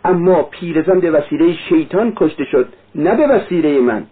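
A man's voice: a little high, lively intonation, breathy edge, voice pushed up. An actor playing a tormented, bitter young man who speaks with agitated intensity. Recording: narrow lo-fi radio-like sound.

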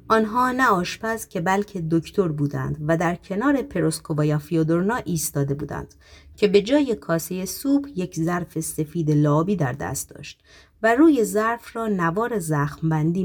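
A woman narrating an audiobook in a measured, even reading voice. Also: fairly low pitch. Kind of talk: scripted narration.

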